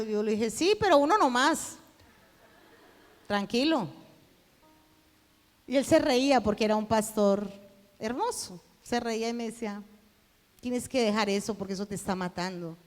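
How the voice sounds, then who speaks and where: A woman preaching, telling a personal testimony and acting out the dialogue in it, at times rising to a shout. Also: on the high side, long reverb tail. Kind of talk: sermon testimony.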